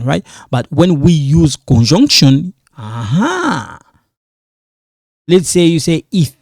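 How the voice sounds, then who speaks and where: In clean studio sound with no room noise, a man speaks in a mid-range voice that's a little mellow, with vocal fry. A non-native English speaker, he's an ESL teacher explaining English grammar in a casual, repetitive classroom style, often checking in with "all right?".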